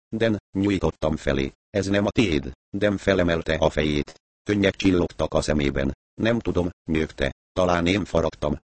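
A low-pitched man reads a story aloud in a calm, even way. The sound is close and dry, with no room around it. He lifts his voice a little for the characters' lines. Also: dry recording. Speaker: audiobook narrator. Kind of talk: scripted narration.

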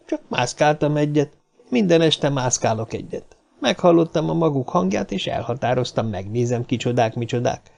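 A man's voice: animated, gravelly, darkish tone. A man voicing a small, nervous, cigar-smoking man who puts on a cheeky front and stammers when frightened, in an audiobook reading. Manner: stammering when scared, high and quick.

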